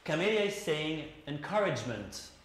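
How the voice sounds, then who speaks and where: A man's voice: fairly high pitch, sing-song, a little slow. A man teaching an English class, explaining in a chatty way and putting questions to his students. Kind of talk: classroom lesson. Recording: roomy classroom echo, faint noise.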